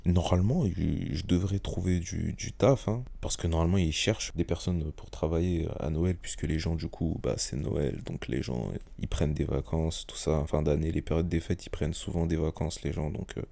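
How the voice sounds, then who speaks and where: Very deep, gravelly young man rambling casually. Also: dark tone. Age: young adult. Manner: slangy, rambling, repeats himself. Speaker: vlogger. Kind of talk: casual unscripted monologue.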